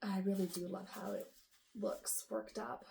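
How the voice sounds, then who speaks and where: A woman hosting a knitting show, sorting yarn and thinking aloud in a casual, unsure way, with a rough morning voice. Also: medium pitch, flat delivery, measured pace, warm tone. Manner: musing aloud, unsure, lots of ums and trailing off. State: rough morning voice with the odd cough. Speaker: knitting podcast host.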